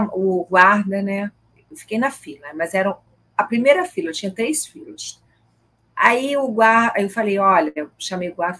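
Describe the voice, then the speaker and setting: A middle-aged woman tells stories in casual conversation. Her voice is husky with a slightly breathy edge. She is animated and acts out the people she quotes. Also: mid-range voice. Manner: animated, retells scenes with quoted dialogue. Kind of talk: conversational storytelling.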